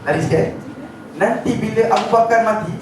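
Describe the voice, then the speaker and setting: A man with a Malaysian accent giving an informal religious lecture to a class, telling the story with lively energy and often checking that his listeners follow. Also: high-pitched, quick pace. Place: lecture room with an audience. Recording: echoey room, distant mic, background noise.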